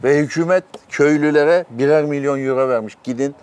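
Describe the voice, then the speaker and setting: A man's voice: mid-range voice, brisk. A middle-aged man hosting a casual chat, telling stories animatedly and laughing often. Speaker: host.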